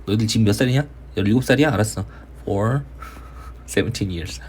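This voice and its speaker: A man teaching English vocabulary in an online lecture for high school students, with casual joking banter. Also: normal speed, a little mellow, a little hiss or hum. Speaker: English tutor.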